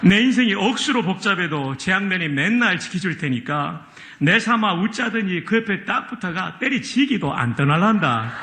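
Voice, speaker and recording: A pastor reading a psalm in a put-on Gyeongsang dialect, lively and laughing. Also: male voice, high voice, moderate pace, a little hiss or hum, voice pushed up, full character voice. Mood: playful. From Chungcheong, Korea.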